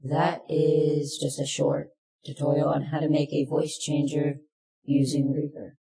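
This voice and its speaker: Speaking in a creaky, mid-range voice, the presenter gives simple step-by-step directions for a piece of software. The tone is level and the pace measured, and the room sounds echoey.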